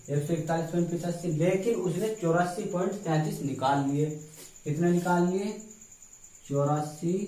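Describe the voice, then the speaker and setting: A man's voice: fairly high pitch, dark tone. A man teaching exam-prep math step by step, often checking in with his students. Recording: echoey room, mic far off.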